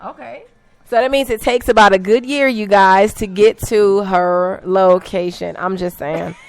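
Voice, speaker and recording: A woman's voice: medium pitch, fairly even intonation, measured pace. A woman hosting an inspirational talk radio show, upbeat and teasing, who sometimes stumbles over words and corrects herself. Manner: upbeat, teasing, laughs at own jokes.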